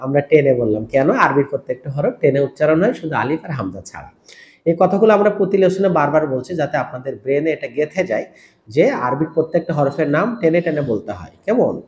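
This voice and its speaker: A man teaching Quran letters step by step, patiently repeating each sound in a slow, drawn-out way. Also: a little high, expressive, a little mellow, roomy sound, highs cut off. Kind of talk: step-by-step recitation lesson.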